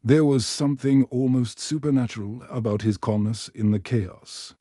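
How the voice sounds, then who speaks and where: Mellow man narrating a sci-fi story. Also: medium pitch, moderate pace, no echo, clean studio sound. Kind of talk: scripted narration.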